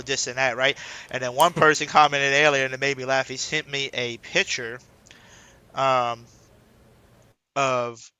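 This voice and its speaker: Bright-voiced man in a casual sports stream. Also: medium pitch, smooth, poor audio. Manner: rambling, laughing, slangy. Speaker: podcast host.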